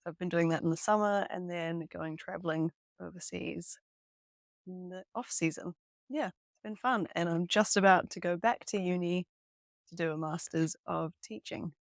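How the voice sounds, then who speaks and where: A young New Zealand woman, a hiking guide appearing as a podcast guest, chats casually in an interview from a hostel room. Her fairly low, creaky voice moves at a moderate pace, full of "um" and "like," and she laughs easily. The sound is close and dry, with no room sound.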